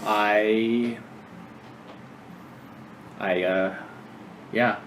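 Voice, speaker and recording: A man's voice: on the low side, steady tone, extremely slow, a bit bright, slight background noise. A man playing a tabletop game, hesitantly working out dice rolls and muttering to himself. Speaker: player. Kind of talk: casual tabletop game play.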